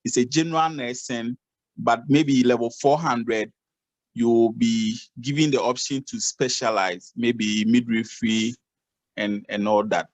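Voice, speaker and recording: On an informal video call, a nursing adviser explains things and offers advice in an unhurried, steady, mid-range voice with no echo. He tends to be repetitive, often restarting his phrases.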